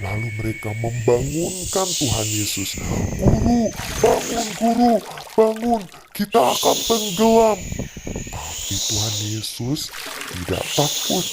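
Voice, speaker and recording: A man's voice: lowish voice, lively intonation, measured pace, noisy background. A man voicing a patient father who tells his child a Bible story at bedtime, speaking in a soothing way. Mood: storytelling. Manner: soothing, acts out voices in the story.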